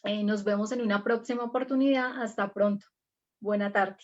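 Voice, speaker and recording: A woman with a Colombian Spanish accent, moderating a livestreamed conversation in a formal, courteous manner. Her voice sits at a middle pitch. The stream audio sounds slightly muffled and dull. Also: fairly even intonation, moderate pace. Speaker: host, moderator.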